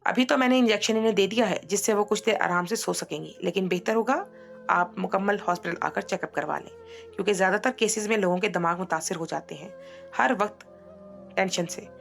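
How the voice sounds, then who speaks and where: A woman voicing a calm male doctor who explains in a measured way. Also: mid-range voice, creaky, soft background music, natural voice. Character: calm professional male doctor giving advice.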